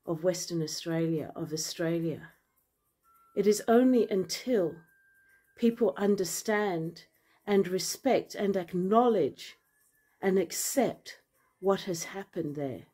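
A vlogger and author in her forties, raised in Zambia, gives an impassioned personal address to a phone camera held at arm's length. She sits in a bright indoor room with large windows and plants, and her lowish voice starts measured and earnest before turning forceful.

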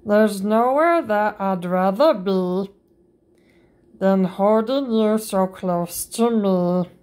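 The storybook reader is a woman whose tone is darkish; she goes slowly through a picture book for children, sing-song throughout, with her pitch jumping up on the playful sound words.

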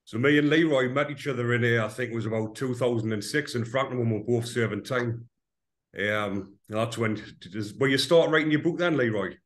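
A man hosting a podcast, asking his guest relaxed, short questions in a casual interview. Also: medium pitch, brisk. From England. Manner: relaxed, asks short questions, laughs along. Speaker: podcast host.

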